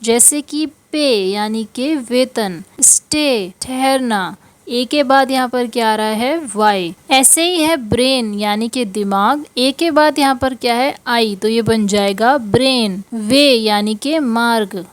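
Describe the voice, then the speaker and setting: Woman, English teacher, unhurried, repeats each letter sound, slightly high voice. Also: dry recording. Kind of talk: slow explanatory lesson.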